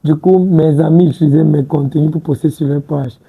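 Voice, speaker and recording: A man's voice: on the high side, fairly even intonation, a little fast, vocal fry, slightly rough, phone-quality sound. A man in his twenties, a guest in a studio interview, talking casually and hesitantly, restarting words and often adding "tu vois un peu". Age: 20s. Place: TV studio set.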